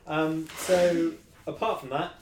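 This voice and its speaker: A man's voice: on the high side, steady tone, takes it slowly. Teasing English man hosting. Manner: teasing, laughs often. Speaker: podcast host. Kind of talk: casual sports chat. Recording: echoey room with faint noise.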